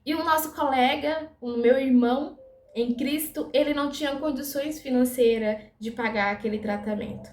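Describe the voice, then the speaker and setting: A woman giving a personal faith testimony, telling it in a lively way and acting out the dialogue. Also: sits high, moderate pace, faint music behind. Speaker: dental assistant giving a testimony. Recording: echoey room.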